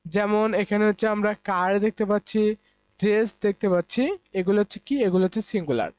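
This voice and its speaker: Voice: medium pitch, fast talker, a little mellow, clear, resonant tone. A teacher from Bangladesh giving an exam-prep English lesson, repeating points and answering their own questions. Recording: dull, dry voice-over recording.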